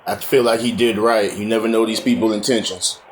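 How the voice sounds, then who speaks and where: A man with a lowish voice narrates clips in a casual way. He speaks informally, as if advising viewers. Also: fairly even intonation, a little fast, slight background noise, poor audio. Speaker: video narrator. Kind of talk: casual commentary on caught-on-camera clips.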